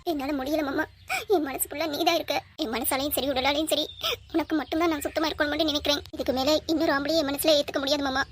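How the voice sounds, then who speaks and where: A woman's voice: high voice, slight background noise, close to an everyday voice. A woman voicing a frightened, grieving young heroine in a cartoon drama, pleading and tearful.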